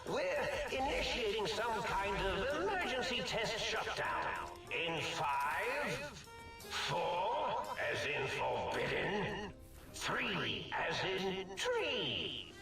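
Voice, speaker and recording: A grandiose mad scientist over a loudspeaker. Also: male voice, high voice, very echoey, distant mic, exaggerated voice. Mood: mock countdown. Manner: grandiose, theatrical proclamations. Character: eccentric old male mad scientist. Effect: outdoor loudspeaker announcement.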